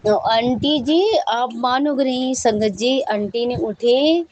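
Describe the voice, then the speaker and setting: A woman's voice: a little high, takes it slowly, a little mellow, poor audio. A woman giving a devotional testimony to a congregation, talking in a chatty, repetitive and fervent way. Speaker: devotee sharing a satsang experience.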